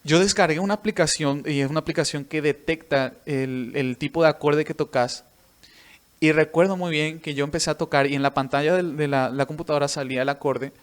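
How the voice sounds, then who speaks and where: Man, missionary preacher, earnest testimony, keeps asking "right?". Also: on the high side. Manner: earnest storytelling, tags sentences with a questioning "right?". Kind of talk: personal faith testimony in an interview.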